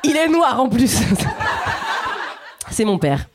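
A stand-up comedian in her thirties from Guadeloupe performs a playful, chatty set on a comedy stage, talking directly to the audience. Her high voice makes big pitch swings and draws out words, with heavy background noise around her.

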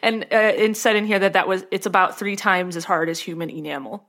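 A podcast co-host with a medium-pitched, slightly bright voice reads a science article aloud in casual chat, talking a little fast with fairly even intonation. She's giggly, keeps breaking into laughter, and fills her talk with plenty of fillers.

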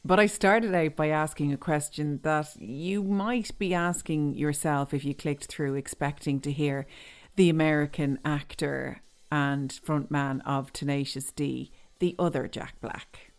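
A woman hosting an interview podcast, introducing her guest in a clear, measured way before asking questions. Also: low voice, steady tone. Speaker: podcast host. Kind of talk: scripted introduction then interview.

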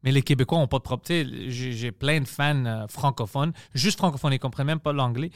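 A man with a strong Greek accent hosting a podcast, talking animatedly in halting phrases and swearing freely. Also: medium pitch, dry recording, studio quality. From Greece. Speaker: podcast host. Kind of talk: casual podcast chat.

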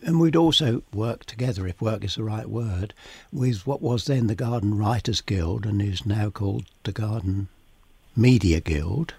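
A man hosting a podcast, chatty and relaxed, husky from a summer cold, giving practical gardening advice. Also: lowish voice, moderate pace, no room sound. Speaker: podcast host. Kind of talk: casual gardening chat.

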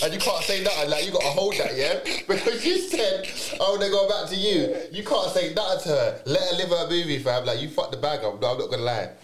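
London roadman in an echoey room. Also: medium pitch. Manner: London roadman slang and delivery. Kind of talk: casual chat. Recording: echoey, roomy sound.

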